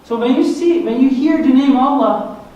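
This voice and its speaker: A high-voiced man with a thick Turkish accent, giving an earnest explanatory talk. He sounds set back from the mic in a very echoey church hall. A faint hiss sits under his voice. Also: normal speed, darkish tone, far from the mic, dull audio. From Turkey. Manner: earnest, explanatory, self-deprecating humor. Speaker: guest speaker. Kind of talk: church presentation on Islam.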